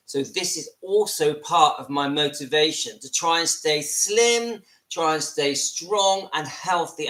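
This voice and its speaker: A man's voice: fairly high pitch, bright, forceful tone, reverberant, low-quality recording. A man in his fifties with a West Country English accent, talking earnestly and a little self-deprecatingly to viewers from his home in a casual live video. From southwest England. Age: 50s. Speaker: vlogger. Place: at home, seated.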